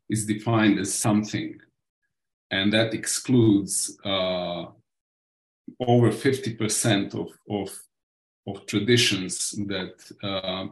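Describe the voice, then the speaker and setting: Slow, halting man from Serbia. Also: fairly low pitch, echoey room, rough recording. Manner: halting, searching for words. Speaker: meeting participant. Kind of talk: sharing in an online meeting. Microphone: video call.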